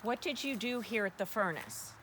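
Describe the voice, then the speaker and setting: A woman's voice: medium pitch, animated, moderate pace, a bit bright. A woman hosting a spirit box session, putting questions to spirits aloud and often repeating herself. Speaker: paranormal investigator host. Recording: noisy recording with clicks.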